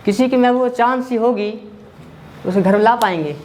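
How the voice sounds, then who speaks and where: A man's voice: very high-pitched, moderate pace, darkish tone, slight background noise. A man teaching a memory class, reciting long lists by rote and then quizzing his students in a casual, chatty way.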